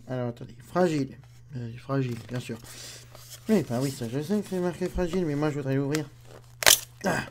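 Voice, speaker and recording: A man's voice: mid-range voice, very noisy. A man hosting an unboxing video at home, chatting to the camera and grumbling aloud as he unwraps things. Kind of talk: casual talk to camera.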